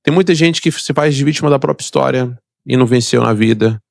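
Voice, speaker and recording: Fast, gravelly Brazilian man telling stories. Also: medium pitch, no room sound, clean studio sound. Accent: Brazilian Portuguese. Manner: emphatic and motivational, acts out quoted voices. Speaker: podcast guest, entrepreneur. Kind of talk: personal storytelling in a podcast interview.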